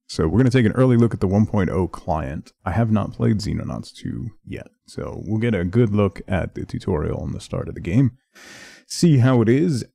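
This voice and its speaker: A man with a low, creaky voice hosts a casual game stream. He sounds sedated and subdued, with a flat affect and a mellow tone, though his pitch still wanders up and down as he chats. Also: dry recording, studio quality. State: heavily medicated, subdued. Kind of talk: casual livestream intro talk.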